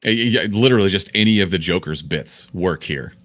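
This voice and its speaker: A man's voice: low voice, brisk, a bit bright, no echo. A young adult man co-hosting a casual comedy podcast, riffing sarcastically with some profanity. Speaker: podcast co-host.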